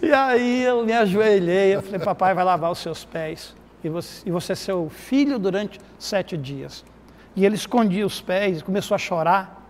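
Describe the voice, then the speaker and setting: A middle-aged man, a pastor and therapist, telling a lively anecdote full of quoted dialogue in a TV studio interview. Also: sits high, normal speed. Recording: reverberant studio with faint noise.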